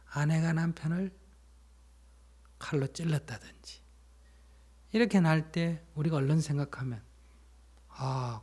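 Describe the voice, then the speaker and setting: Male Buddhist teacher, dharma talk, slightly high voice, plain explanatory delivery with questions to the audience. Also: darkish tone. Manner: plain explanatory storytelling, asks listeners questions.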